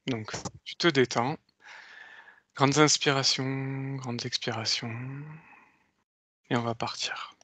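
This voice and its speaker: Slow hypnotist man, dry close sound. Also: mid-range voice, fairly even intonation, pushed and bright, no room sound. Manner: slow hypnotist voice, spaced-out soothing delivery. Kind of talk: slow guided hypnosis induction.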